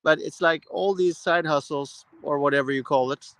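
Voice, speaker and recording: A man's voice: fairly high pitch, normal speed, a bit bright, no echo, rough recording. A man from Norway hosting a casual live stream, talking with enthusiasm in loose, rambling sentences full of restarts. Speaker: host. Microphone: live-stream mic.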